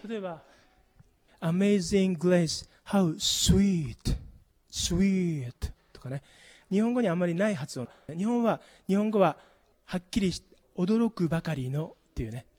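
A man teaching a singing lesson, explaining gently and counting beats aloud in a husky voice. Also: sits high, in a large hall. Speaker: music teacher.

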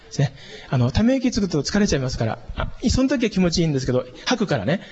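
A man leading a calm vocal training lesson, explaining relaxation and demonstrating long, breathy exhalations. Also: high-pitched, very fast. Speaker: voice and breathing instructor. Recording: long reverb, dull lo-fi sound.

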